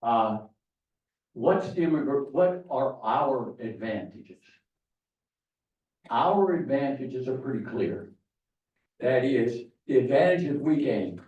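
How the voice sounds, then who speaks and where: A man with a medium-pitched, animated voice speaks slowly and pauses often. He's a conference speaker giving a rambling talk full of fillers and restarts, recorded from a distance in an echoey hall with a dull sound.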